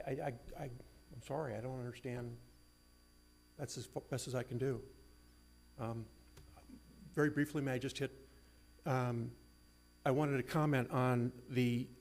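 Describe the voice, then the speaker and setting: Insistent man arguing as an attorney. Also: medium pitch. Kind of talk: appellate oral argument. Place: courtroom.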